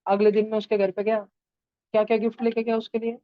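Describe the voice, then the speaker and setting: A woman's voice: fairly high pitch, little pitch movement, fast, dry recording, lo-fi sound. A woman teaching a math lesson to children in an online class, turning numbers into story characters and acting out their lines. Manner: playful, acts out number characters in voices.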